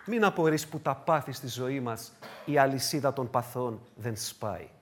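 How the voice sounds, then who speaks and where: High animated male preacher. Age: adult with wife and children. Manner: emphatic, swings from loud declarations to hushed asides. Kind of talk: sermon.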